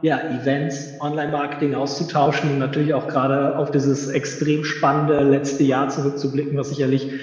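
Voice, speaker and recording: A man with a fairly high voice, heard on a low-quality home-office recording. His voice booms with strong echo and a long reverb tail, and the sound is muffled and lo-fi. He explains at length as an interview guest, often pausing on filler sounds. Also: little pitch movement, darkish tone. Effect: low-quality home-office recording with heavy room reverb and no proper mic. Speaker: interview guest, event entrepreneur. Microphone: unsuitable microphone. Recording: echoey lo-fi reverberant room.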